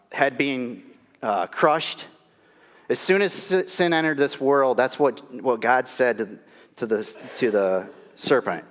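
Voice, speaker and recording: A middle-aged pastor with a cold delivers a sermon in a church, his mid-range voice fairly bright and nasal. He preaches conversationally through stories, poking fun at himself, while the hall's long reverb trails his words.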